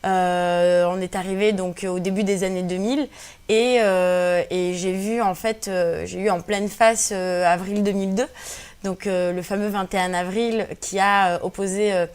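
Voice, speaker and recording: Her voice is medium-pitched, steady, slightly mellow, clear, and resonant, at a moderate pace. This Algerian activist in her twenties, a native Kabyle Berber speaker, replies earnestly to interview questions with many hesitations and fillers.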